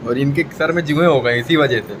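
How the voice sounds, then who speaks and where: Against a noisy background, a young man with a voice on the high side talks at a moderate pace. He's a family vlogger chatting and teasing into his phone camera indoors at home, often addressing viewers directly.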